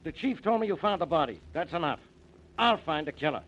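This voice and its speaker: Brusque police inspector in an old radio show. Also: male voice, on the high side, expressive, a little fast, fairly bright tone. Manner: brusque, commanding. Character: brusque middle-aged male police inspector. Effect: old radio show broadcast. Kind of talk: 1940s radio acting. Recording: dull old radio recording.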